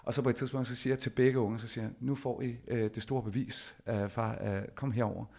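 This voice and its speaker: A middle-aged man, a podcast host, telling a personal story in an animated way and acting out the dialogue himself. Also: mid-range voice, creaky. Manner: animated, acts out quoted dialogue.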